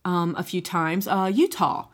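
A woman's voice: lowish voice, steady tone, a little slow. Middle-aged female podcast co-host; casual, chatty, conversational. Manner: chatty, frequent "right?" and "you know". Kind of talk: casual chat.

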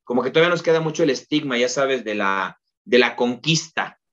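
Mexican man, podcast guest, animated storyteller, slightly dull lo-fi sound. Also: medium pitch, brisk. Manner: lively storyteller, many fillers like "este". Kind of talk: casual interview chat.

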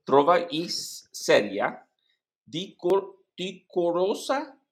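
A man whose first language is English, practicing a poem recitation as a Spanish learner, halting and repeating words syllable by syllable. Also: high voice, sing-song. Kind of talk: practicing poetry recitation in a lesson.

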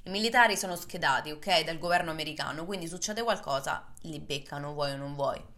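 Lively young woman telling a story. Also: brisk. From Italy. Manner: animated, acts out dialogue with big pitch jumps. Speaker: vlogger. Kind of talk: casual storytelling to camera.

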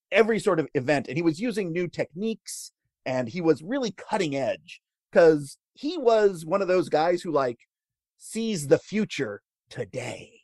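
Guy telling history stories deadpan, bouncy voice, dry close mic. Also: on the high side, no echo. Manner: wry, deadpan jokes, laughs at own lines. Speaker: podcast co-host telling history. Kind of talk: casual chat.

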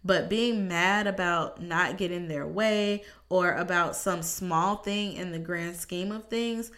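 Woman talking about parenting, a bit low voiced, steady and emphatic, pausing on purpose. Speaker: parenting speaker. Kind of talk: earnest monologue on parenting.

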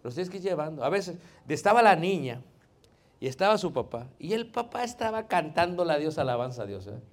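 A man preaching a sermon in a conversational way, often addressing his listeners as brothers and sometimes rising to loud emphasis. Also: a little high, sing-song, brisk.

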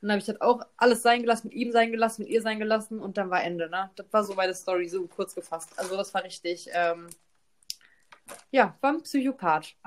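A woman podcast co-host telling a personal story in casual chat, tagging her sentences with quick questions to her partner. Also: mid-range voice. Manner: chatty, peppers talk with "ne?" tag questions.

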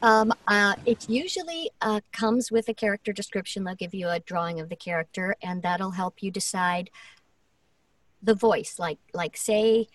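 A woman's voice: mid-range voice, moderate pace, fairly bright tone, dry recording, far from the mic. A woman who works as a voice actor, speaking in an interview and sometimes acting out casting notes. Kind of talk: interview conversation.

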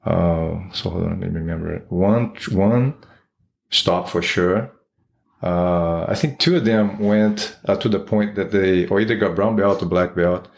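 Low-voiced Brazilian man, halting. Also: gravelly. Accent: Brazilian Portuguese. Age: 40s. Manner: halting, many fillers and restarts. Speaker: guest. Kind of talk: casual interview.

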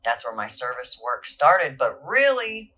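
A woman's voice: extremely low pitch, very animated, unhurried, bright, forceful tone. A woman guest talking in a casual interview, earnest and chatty, with lots of fillers and easy laughs. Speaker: podcast guest, recovery alumni coordinator.

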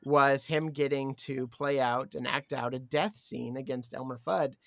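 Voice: medium pitch, steady tone, measured pace, vocal fry, a bit bright, slight background noise. An enthusiastic podcast co-host chatting casually and explaining cartoon history.

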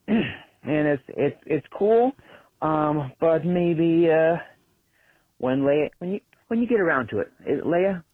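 A man with a slightly high voice rambles through a chatty voice message to the podcast, sprinkled with ums and uhs. The voicemail plays back tinny over the phone line, with no echo.

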